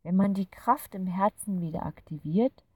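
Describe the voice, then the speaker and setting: A woman voicing a kind, gentle fairy creature who explains things patiently in a soothing storybook voice. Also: mid-range voice, moderate pace, breathy edge, no room sound, far from the mic, voice pushed up, lightly acted.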